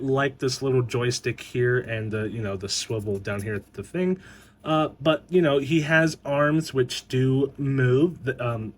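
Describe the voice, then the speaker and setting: A man casually reviewing an action figure at home, rambling and stumbling over his words with lots of fillers. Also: mid-range voice. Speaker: toy reviewer.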